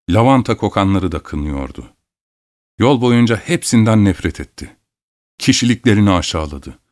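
A man reads a literary story aloud as a narrator. His voice sits fairly low, and he takes it at a grave, measured pace with deliberate pauses between phrases. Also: a little mellow. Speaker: audiobook narrator.

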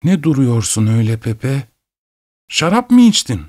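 A man's voice: mid-range voice, moderate pace, mellow, no echo, clean studio sound, voice pushed up, close to an everyday voice. A man voicing a stern, anxious middle-aged mother in an audiobook, giving urgent commands. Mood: questioning. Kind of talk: audiobook reading.

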